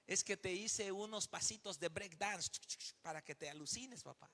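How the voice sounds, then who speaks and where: A man voicing an excited young boy who pleads with his father and gushes over him to dodge a chore. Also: normal speed. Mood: pleading. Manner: gushing, pleading, high and breathless. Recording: reverberant hall.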